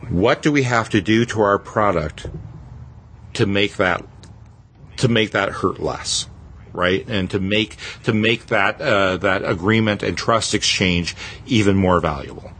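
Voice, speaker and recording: Deep voiced guy podcast host, repeats himself working thru a thought, slight noise. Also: unhurried, fairly bright tone. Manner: hesitant, repeats phrases while thinking aloud. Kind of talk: casual, reflective podcast talk.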